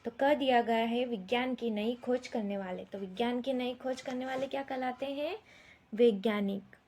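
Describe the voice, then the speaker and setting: A woman teacher, slowly dictating answers word by word to young schoolchildren, repeating each question. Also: on the high side, a little mellow. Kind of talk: slow dictated Hindi lesson for young children.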